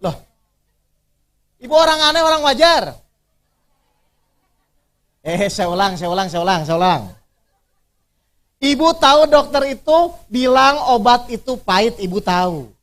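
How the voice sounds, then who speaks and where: A man's voice: very high voice, expressive, unhurried, long pauses, fairly bright tone. A man leading an interactive religious workshop, quizzing his audience with rhetorical questions and repeating key phrases. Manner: repeats key phrases to drive points home. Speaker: Islamic preacher.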